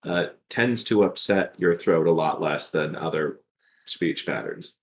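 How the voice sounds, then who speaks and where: A man bantering casually on a game stream in a deep Southern US drawl. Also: unhurried. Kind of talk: casual gaming stream chat.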